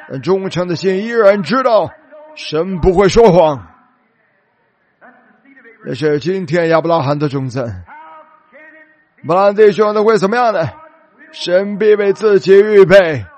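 A man preaching a sermon, telling a story dramatically and slowing down for emphasis. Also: high-pitched, animated.

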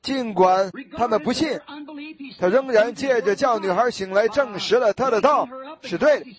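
Male preacher, high voice, sermon, vivid storytelling, acts out scenes. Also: moderate pace, crowd noise.

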